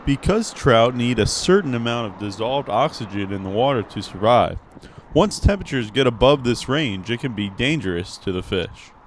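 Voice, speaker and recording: A young man delivers a student news feature outdoors beside a creek, holding a handheld mic. His pitch moves in a lively, animated way. Steady outdoor noise sits clearly behind his voice. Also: normal speed. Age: young adult. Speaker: student reporter.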